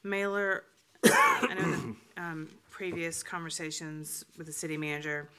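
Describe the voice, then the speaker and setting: A woman's voice: sits low, fairly even intonation, measured pace, crowd noise. A woman council member asking a question in an informal, slightly hesitant way. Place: council meeting room.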